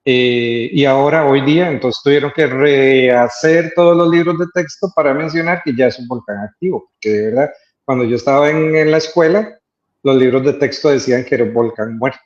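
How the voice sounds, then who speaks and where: A Costa Rican man answering interview questions in a thoughtful, halting way, stopping often to gather his words. His voice sits at an ordinary pitch and sounds roomy and a little dull, as if it were recorded in an echoey space. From Costa Rica. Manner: hesitant, thoughtful, many filler pauses. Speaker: guest artist. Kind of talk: interview conversation.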